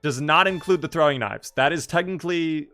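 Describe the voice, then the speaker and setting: A man's voice: on the high side, a little fast, bright, forceful tone, faint music behind. A man hosting casual esports commentary, chatty and joking as he banters. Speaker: esports match host and commentator.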